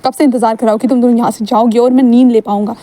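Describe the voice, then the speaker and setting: A woman voicing a calm, dryly questioning elder brother in a told fan fiction story. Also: a little high, racing, natural voice. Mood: wry. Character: calm wry elder brother, young man.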